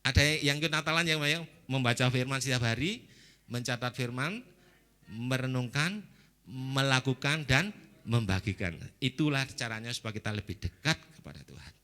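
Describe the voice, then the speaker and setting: Man, church testimony, bright crisp voice, asks the crowd questions. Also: mid-range voice, normal speed. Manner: lively, quizzes the congregation. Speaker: church member giving testimony. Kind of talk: spoken testimony. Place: church service.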